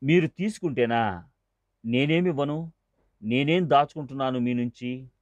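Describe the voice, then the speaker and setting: A man's voice: moderate pace, no room sound, natural voice. A man reading the part of a weeping, remorseful male devotee who pleads desperately, in a dull, dry recording. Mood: anxious. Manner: pleading, sobbing, higher and strained.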